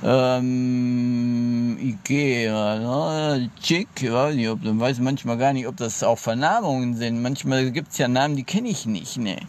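A man hosting a live stream in casual chat, playfully reading out names and toying with silly words, often jumping into a squeaky voice. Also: a little slow, a little mellow. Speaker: livestream host.

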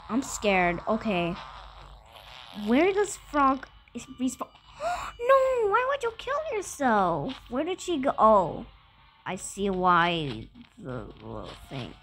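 A woman giving casual let's-play commentary, excitable and jumpy, repeating her words as she chatters. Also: on the high side. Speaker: gamer.

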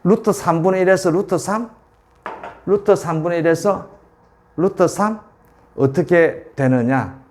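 A man's voice: high voice, measured pace, long pauses, a little mellow. A man tutoring calculus at a board, repeating values and checking often that students follow. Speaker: math tutor. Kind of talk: whiteboard calculus lesson.

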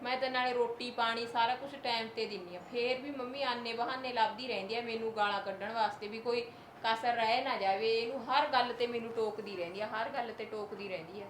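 A woman's voice: fairly high pitch, steady tone, brisk, roomy sound, slight background noise, close to an everyday voice. Woman playing an aggrieved young daughter-in-law. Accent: Punjabi. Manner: aggrieved complaining, plain rural talk. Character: young married village woman, put-upon, complaining.

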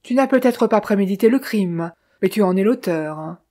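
A woman's voice: medium pitch, lively intonation, moderate pace, mellow, natural voice. A woman reading a stern, insistent older brother. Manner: insistent, questioning, reasoning. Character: stern man pressing his brother to confess.

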